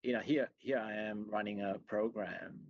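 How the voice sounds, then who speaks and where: On a dull, roomy video call, a middle-aged man answers as an interview guest in a lowish voice with a steady tone and normal speed. The chief executive, originally from Sri Lanka and long based in Australia, explains himself earnestly and conversationally, with many "you know"s.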